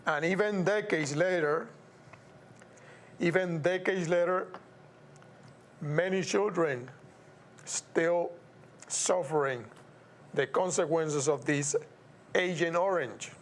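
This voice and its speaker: The host of his own talk show, a man from Puerto Rico, delivers slow, deliberate solo commentary. His voice is a little high for a man, and his measured, emphatic style involves repeating words for stress and stumbling over some of them. Faint hiss runs beneath the recording.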